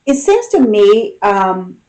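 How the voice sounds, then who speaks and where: A woman giving an unscripted, intimate tarot reading, pausing and thinking aloud as she talks to the listener. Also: medium pitch, very animated, mellow, low-quality recording. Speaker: tarot reader.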